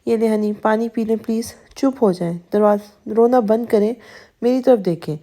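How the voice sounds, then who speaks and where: A woman's voice: fairly high pitch, warm tone, lightly acted. A woman voicing a devoted young husband who soothes and coaxes his crying wife, repeating pet names. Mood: pleading. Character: devoted young husband, tender and guilt-ridden.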